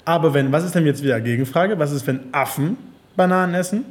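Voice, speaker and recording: A man's voice: fairly high pitch, fast talker. A man co-hosting a casual chat podcast from home, rambling, repeating himself and laughing often. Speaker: podcast co-host. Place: at home abroad.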